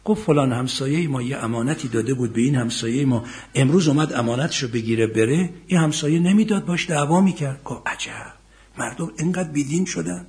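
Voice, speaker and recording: A middle-aged man preaching a sermon, telling stories quietly and then rising to loud, impassioned emphasis, chanting scripture verses slowly. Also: mid-range voice. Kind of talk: sermon with storytelling.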